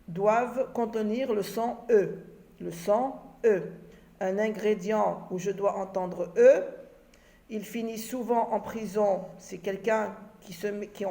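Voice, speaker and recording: A woman teacher giving a phonics lesson, repeating each sound and word slowly and with emphasis. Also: medium pitch, vocal fry, dark tone. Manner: slow, drawn-out, emphatic repetition of sounds and words. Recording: echoey room.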